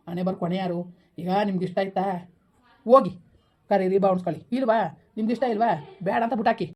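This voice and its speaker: A stern village woman, played by a woman scolds and consoles her relatives in a family-drama skit. She speaks at a rapid clip, in a mellow, darker voice. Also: a little high, natural voice. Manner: scolding, hushing others, rapid-fire.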